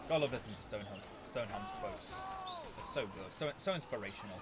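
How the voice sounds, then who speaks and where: A man's voice: lowish voice, very animated, fast, very noisy. A man giving strategy game commentary as a video host, playfully theatrical, talking to his units and making mock threats.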